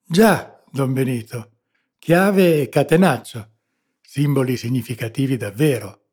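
Kindly, impulsive sea captain, husky voice, read by a man as audiobook figure. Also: mid-range voice, lively intonation, moderate pace, darkish tone. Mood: earnest. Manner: earnest and impulsive. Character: simple, good-natured visiting sea captain.

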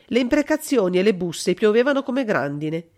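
A woman's voice: medium pitch, sing-song, moderate pace, a little mellow. Woman reading a story aloud. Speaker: audiobook reader. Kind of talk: scripted narration.

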